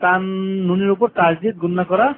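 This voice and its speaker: A man teaching Quran recitation rules, repeating each rule and drawing out the verses very slowly. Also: sits high, steady tone. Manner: repeats rules and verses, stretching vowels very long. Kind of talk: tajweed lesson with slow drawn-out recitation. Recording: tinny lo-fi phone-like recording, faint hiss.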